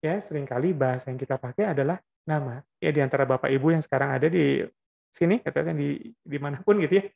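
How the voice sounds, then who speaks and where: A man's voice: on the high side, quick pace, gravelly, darkish tone, highs cut off. A man giving an Islamic parenting lecture, explaining in a conversational way and often adding little checking tags.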